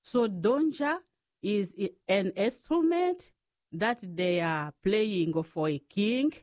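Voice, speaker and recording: Slow-speaking Congolese-born woman. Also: mid-range voice, expressive, a little mellow, no room sound, studio quality. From Democratic Republic of the Congo. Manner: slow, careful storytelling. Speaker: guest, Franciscan sister. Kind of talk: radio interview.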